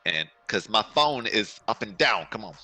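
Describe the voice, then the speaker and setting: A man's voice: on the low side, very animated, normal speed, bright, forceful tone. A man in his twenties co-hosting a casual podcast, chatting loosely and acting out his own reactions. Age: 20s. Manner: casual, quotes his own thoughts aloud. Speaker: podcast co-host. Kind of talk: casual chat.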